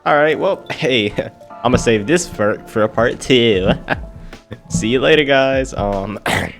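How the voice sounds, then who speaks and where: Young man, gaming commentary, jokey and chatty, lively pitch, somewhat low voice, music behind. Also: slow, vocal fry. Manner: chatty, jokey, thinking aloud. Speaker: gaming streamer. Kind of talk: casual let's-play commentary.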